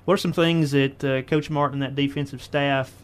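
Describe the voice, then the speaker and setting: Guy hosting high school football radio, folksy, leading questions. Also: steady tone, a little fast, clear, resonant tone. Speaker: sports radio host. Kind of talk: radio sports interview. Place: radio studio.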